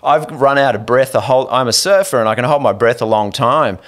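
A man hosting a podcast interview, telling a story in an animated, rambling way with restarts and trailing asides. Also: medium pitch, brisk. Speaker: podcast host. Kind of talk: conversational interview.

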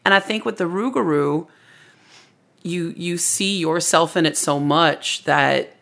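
A storyteller appears as an interview guest, explaining lore reflectively in a casual, conversational way. The voice is noticeably gravelly and full of vocal fry, mid-range and unhurried, with a pushed, bright quality.

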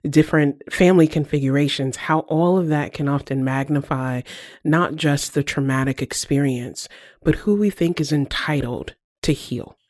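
Interview host, mid pitch, reflective, long winding questions, dry sound. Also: normal speed, no echo. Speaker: podcast host.

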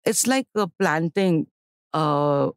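A woman's voice: deep voice, animated, clean tone, no echo. Indian woman reflecting in an interview, dry sound. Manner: explains in short phrases with pauses and repetitions. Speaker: interview guest, stage and screen actor-director. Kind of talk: reflective interview conversation, mixing Hindi and English.

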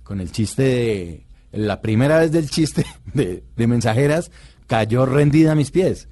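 A man's voice: mid-range voice, expressive, unhurried, warm tone. Laid-back man telling jokes. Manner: laid-back, joking storyteller. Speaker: guest actor. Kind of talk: casual radio chat.

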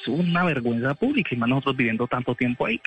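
A man's voice: mid-range voice, sing-song, racing, fairly bright tone, dull audio, faint music behind. A man casually telling a story in an interview, rambling with restarts and slangy asides.

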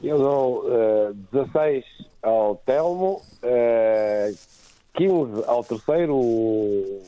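A man with a European Portuguese accent giving casual, halting remarks as a juror. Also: medium pitch, animated, dark tone, no echo, low-quality recording. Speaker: contest juror.

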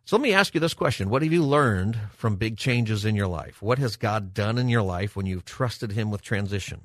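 Low-voiced man hosting radio with showman announcer flair. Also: animated, moderate pace, a bit bright, no room sound. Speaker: radio talk show host.

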